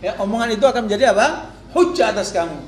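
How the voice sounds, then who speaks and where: Male preacher with a strikingly high voice, lively and chuckling, quizzing his listeners, recorded in an echoey mosque hall. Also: fast talker, faint music behind. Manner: asks the audience rhetorical fill-in questions. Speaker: Islamic preacher. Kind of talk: mosque study lecture. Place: mosque hall with a women's study audience. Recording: echoey mosque hall, faint ambient noise.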